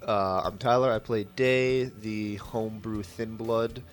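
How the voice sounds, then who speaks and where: A man recapping a tabletop game as a player, joking and filling pauses with "uh.". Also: fairly low pitch, flat delivery, faint music behind. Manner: lots of "uh" fillers, joking. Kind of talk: casual recap.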